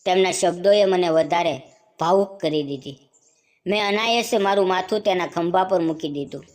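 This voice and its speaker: A woman narrating a first-person family story in a calm, measured way. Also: fairly low pitch.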